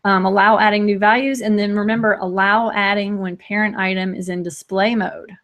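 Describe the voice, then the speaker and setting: A woman hosts a live screen-share walkthrough of software, speaking quickly in a casual, chatty way. She often breaks off and restarts sentences and laughs lightly as she moves between points. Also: medium pitch, steady tone. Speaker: host demonstrating software.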